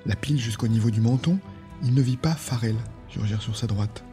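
A man reads a fantasy novel aloud as a podcast host, calm and measured. His voice is mellow and warm at a middle pitch, with faint music in the background.

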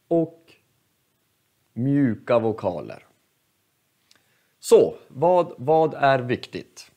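Teacher guy, slightly high voice, bouncy up and down pitch, says stuff slow in little chunks. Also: a little mellow. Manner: speaks in short halting phrases, spelling out letters. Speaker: Swedish teacher. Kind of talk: slow, clear language lesson.

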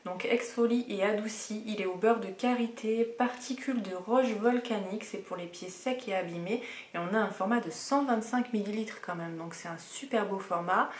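A woman's voice: mid-range voice, normal speed. A woman chatting casually through a beauty box unboxing, enthusiastic and full of hesitations. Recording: roomy echoey room.

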